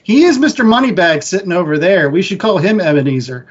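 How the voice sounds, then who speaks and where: A man's voice: sits high, expressive, fairly quick. A man hosting a podcast, running a draft auction in a casual, jokey auctioneer patter. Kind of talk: casual group chat. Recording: lo-fi with background noise.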